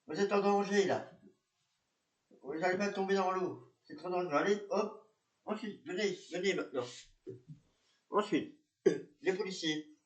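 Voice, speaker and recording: A man's voice: sits high, unhurried, long pauses, muffled recording. A man narrating and playing a police officer, talking hesitantly with many fillers and repeats. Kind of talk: amateur reenactment of police patrol. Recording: echoey room.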